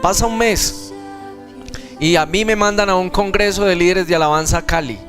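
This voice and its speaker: A man's voice: high-pitched, normal speed, fairly bright tone, soft background music. A young man with a Colombian Spanish accent preaching at a seminar, telling a personal testimony and acting out the voices in it. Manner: earnest storytelling, acts out dialogue in other voices. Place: seminar hall.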